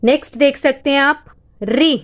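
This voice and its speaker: A woman's voice: high-pitched, moderate pace. A woman tutor, patiently explaining vowel sounds step by step and drawing out each sound. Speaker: home tutor teaching reading. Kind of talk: step-by-step lesson.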